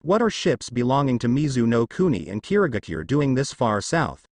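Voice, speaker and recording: A man voicing a confident male ship captain with a loud, commanding delivery in a read-aloud story. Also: medium pitch, sing-song, normal speed, dry recording.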